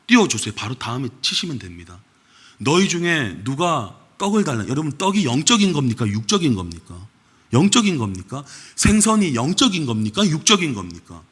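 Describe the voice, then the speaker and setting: A man's voice: a little high, bright, forceful tone. A man preaching a Sunday sermon as pastor, acting out the voices of the people he quotes.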